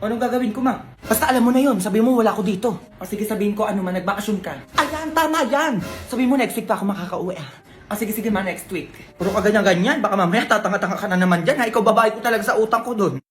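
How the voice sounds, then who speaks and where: A woman's voice: mid-range voice, racing. A woman from the Philippines performing brash, bickering comedy skit dialogue, teasing and scolding. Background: background music.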